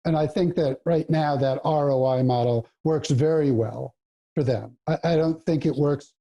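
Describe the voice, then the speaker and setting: A man speaking as a podcast guest. He has a mellow, dark-toned voice, and his delivery is halting, with repeated words as he gathers his thoughts. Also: on the high side, muffled recording. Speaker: guest professor. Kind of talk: casual interview chat.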